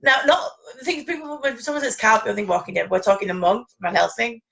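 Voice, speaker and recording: A woman chatting casually as a podcast co-host. Her voice is strongly creaky and gravelly, and she rambles from one point to the next, laughing often. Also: a little high, expressive, fast, fairly bright tone. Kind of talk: casual chat about fan conventions.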